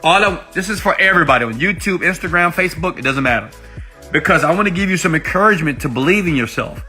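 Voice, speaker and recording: A fast-talking man with a high-leaning voice, lively intonation and a sharp tone speaks over faint music. Working as an online money-making coach, he pitches viewers an emphatic motivational tutorial, peppered with rhetorical questions, recorded on an iPhone mic.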